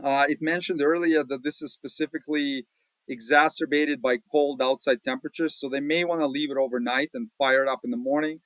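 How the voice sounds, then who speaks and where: A man hosting a casual screen-share walkthrough, talking in a relaxed, plain-spoken way with many fillers, recorded at a home desk. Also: medium pitch, a little fast, dry recording, rough recording. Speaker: automotive channel host.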